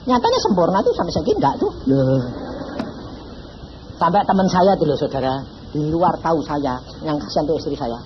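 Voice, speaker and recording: Animated male preacher. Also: on the high side, brisk. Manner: animated storyteller acting out dialogue. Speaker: evangelist preacher. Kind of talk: sermon testimony. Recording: dull lo-fi recording with clear noise.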